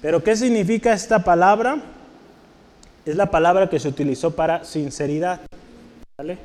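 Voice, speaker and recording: A preacher teaching a Bible class delivers a sermon in a voice that sits high and is a little mellow, at a moderate pace. He addresses his listeners formally and politely, writes terms on a board as he teaches, and asks frequent questions to check they follow.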